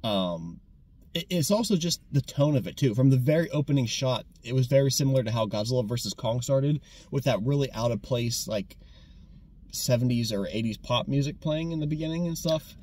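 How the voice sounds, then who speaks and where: A young American man giving a casual, animated movie review, often restarting his sentences and repeating words when excited. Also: mid-range voice, a little fast. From United States. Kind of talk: casual conversational film review.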